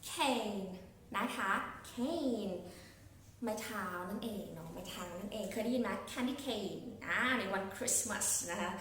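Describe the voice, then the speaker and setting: A woman's voice: mid-range voice, lively intonation. A woman with a Thai accent teaching young children English phonics, spelling each word out letter by letter. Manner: slow, spells words letter by letter. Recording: echoey room, far from mic, faint hiss.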